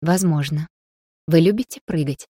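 A woman's voice: low-pitched, normal speed, husky, dry recording, clean studio sound. Woman reading as a curt, imperious young lady. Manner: curt and sharp-tongued. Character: cool, imperious young noblewoman. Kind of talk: audiobook character reading.

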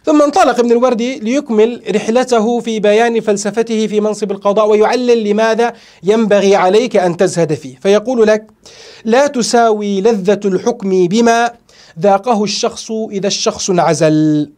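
A man, fast high-voiced sheikh lecturing. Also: a little mellow. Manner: slows and stretches words to stress verse lines, repeats key phrases. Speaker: sheikh teaching a classical poem. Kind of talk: explanatory lecture on grammar and verse.

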